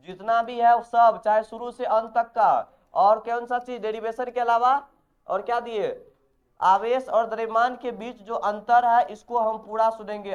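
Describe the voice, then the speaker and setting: A man's voice: high-pitched, clear, resonant tone, highs cut off. A male physics teacher, giving a classroom lecture and quizzing his students. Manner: instructive, assigns homework and quizzes the class with repeated questions.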